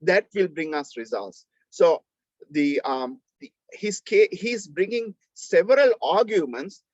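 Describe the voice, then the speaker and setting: A fairly high-pitched male lecturer with a Sri Lankan accent teaches an online class. He explains emphatically but haltingly, often repeating phrases. The sound is slightly dull, as on a video call. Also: expressive, dry recording. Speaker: university lecturer.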